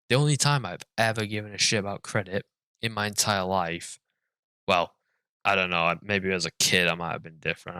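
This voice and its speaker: A man's voice: low voice, pushed and bright, clean tone, no echo. A man giving profane, sarcastic commentary as he reads a story and rants about it. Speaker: comedic reader and commentator.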